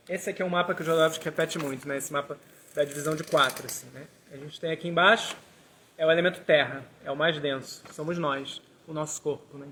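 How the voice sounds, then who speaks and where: Man, tarot teacher, step-by-step class, fairly high voice, bright and forceful tone. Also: slight background noise. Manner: talks through steps, tags lines with "né?". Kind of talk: explanatory class with a hands-on exercise.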